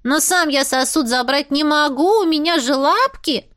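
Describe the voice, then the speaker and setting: A woman voicing a sly, boastful male talking tomcat in a storybook reading, in a high, playful voice. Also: expressive, normal speed, a bit bright, no room sound, clean studio sound. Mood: cheeky.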